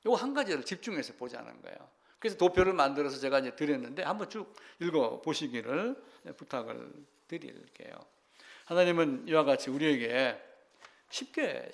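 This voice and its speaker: Guy pastor giving a sermon, kinda high voice, asks the room questions, gets loud then drops to almost a whisper. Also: gravelly.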